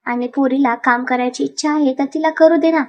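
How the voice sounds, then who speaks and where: A cheerful older aunt, read by a woman narrator in a storybook serial, teasing and laughing in a high voice. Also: steady tone, moderate pace, dull audio, close to an everyday voice.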